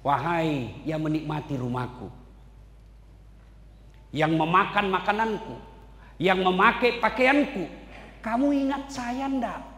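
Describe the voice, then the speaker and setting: A man's voice: sits high, takes it slowly, long pauses, a bit bright, pitched above the performer's own voice. A man voicing a dead elderly mother who pleads with her family to remember her. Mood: pleading. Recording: echoey hall with faint ambience.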